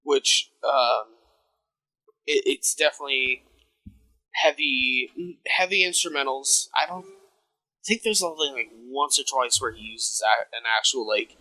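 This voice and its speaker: Teen guy, podcast co-host, slow and halting, very bright tense tone. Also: mid-range voice, low-quality recording. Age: late teens. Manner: halting, searches for words, swears casually. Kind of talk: casual chat.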